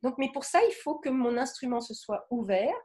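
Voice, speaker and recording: A French woman giving a lively talk on the voice, acting out emotions with sudden vocal bursts and often checking in with her audience. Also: a little high, moderate pace. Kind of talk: lively spoken lecture with demonstrations.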